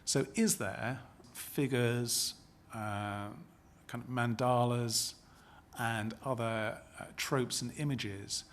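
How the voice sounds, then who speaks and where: A man, a philosopher explaining ideas in a measured, lecturing way. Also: mid-range voice, fairly even intonation. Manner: measured, lecturing, builds arguments step by step. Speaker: philosopher being interviewed. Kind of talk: explanatory talk to camera.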